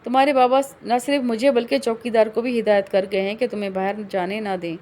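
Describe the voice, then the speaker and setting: A woman's voice: fairly high pitch, steady tone, darkish tone, natural voice. A woman reading as a firm middle-aged mother. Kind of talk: audiobook novel reading.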